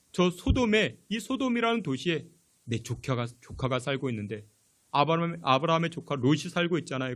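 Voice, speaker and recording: A preacher acting out a pleading old patriarch who bargains with God in a sermon. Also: male voice, sits high, a bit bright. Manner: urgent, imploring.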